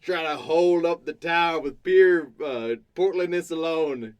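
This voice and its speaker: A man plays a tabletop game and jokes as he talks. He speaks slowly, and his voice sits a little high. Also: smooth, lo-fi sound. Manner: slow, joking. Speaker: player. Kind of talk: casual tabletop play.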